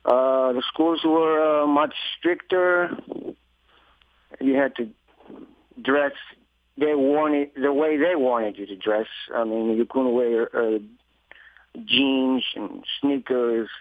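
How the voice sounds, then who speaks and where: A middle-aged man from Greece with a Greek accent, a guest speaking in a relaxed, wry way with many fillers. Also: medium pitch, takes it slowly, no echo. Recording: tinny phone line.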